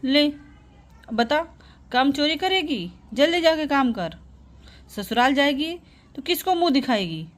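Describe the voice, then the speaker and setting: A woman's voice: high-pitched, expressive, a little slow, pauses often. A woman voicing a harsh village mother who scolds her daughters and dotes on her son, nagging and insulting them. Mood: scolding.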